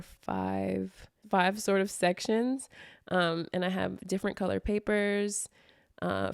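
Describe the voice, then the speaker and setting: A woman's voice: lowish voice, creaky, no echo, clean studio sound. A young woman in a casual personal vlog, talking candidly and upbeat about her affirmations, laughing and swearing at times, and reading them aloud as a list. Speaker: affirmations vlogger.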